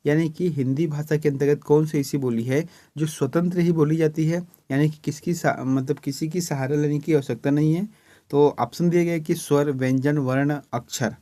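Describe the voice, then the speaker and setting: A man's voice: a little high, steady tone, moderate pace, mellow, dry recording. A male teacher from Chhattisgarh, India, walking through exam questions step by step and often checking in with "okay". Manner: explains step by step, repeating "ठीक है". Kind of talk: exam-prep lesson.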